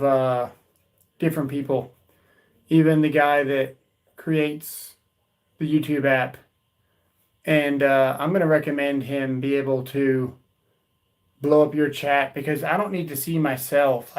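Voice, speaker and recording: A man's voice: fairly high pitch, darkish tone, poor audio. A man hosting a live tool video, chatting casually with viewers and often repeating his words as he goes. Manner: rambling, repeats words, talks to viewers as "guys" and "dude". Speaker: YouTube tool channel host. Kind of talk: casual livestream chat.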